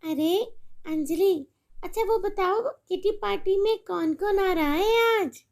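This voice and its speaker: Woman doing a shrill bossy cartoon mom, super high, snaps at everyone. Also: measured pace, a little mellow. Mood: chatty. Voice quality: shrill, snappish. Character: shrill careless mother, scolding and self-absorbed.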